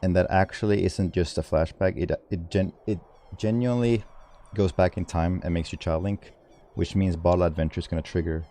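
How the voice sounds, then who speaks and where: A man's voice: deep voice, steady tone, a little fast, dark tone. A man giving casual livestream commentary on his own speedrun, informal and rambling as he thinks aloud.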